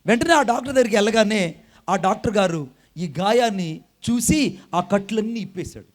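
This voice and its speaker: A man preaching a sermon. He tells an illustration story, switches into halting English phrases and builds to loud exhortation. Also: high-pitched, expressive. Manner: tells a story with acted dialogue, then rises to loud exhortation.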